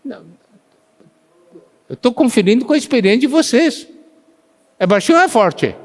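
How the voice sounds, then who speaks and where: A man preaching a sermon who slows down to stress scripture and asks the congregation questions, pausing for their answers. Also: very high-pitched, expressive. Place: church meeting hall. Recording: long hall reverb.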